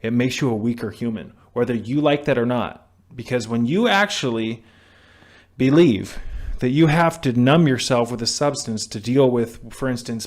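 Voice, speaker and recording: A young man speaks into a camera mic in a mid-range voice, lecturing viewers on addiction. He is blunt and preachy, stumbling into restarts and dropping the occasional curse as he pushes his point. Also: mid-range voice. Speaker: vlogger on sobriety. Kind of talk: direct-to-camera self-help talk.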